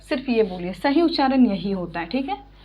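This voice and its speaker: A woman teaching an English lesson, explaining slowly and patiently and often checking that her students follow. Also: medium pitch, sing-song. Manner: patient, repeats and checks understanding. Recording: dull lo-fi sound.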